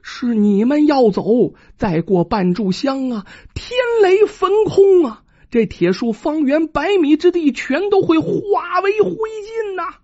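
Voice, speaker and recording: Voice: high voice, lively intonation, takes it slowly, few pauses, mellow, pitched above the performer's own voice. Storyteller doing an eerie fox spirit. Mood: urgent warning. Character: mysterious red fox spirit warning of doom. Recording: dull lo-fi recording.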